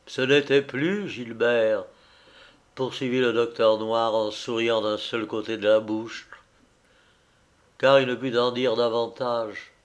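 A man narrating a literary audiobook in a measured, solemn reading. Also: medium pitch, level tone.

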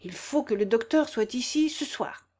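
A woman's voice: mid-range voice, lively intonation, normal speed, darkish tone, natural voice. A woman voicing an imperious aging noblewoman who scolds and gives orders in a raised, emphatic voice. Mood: urgent, commanding.

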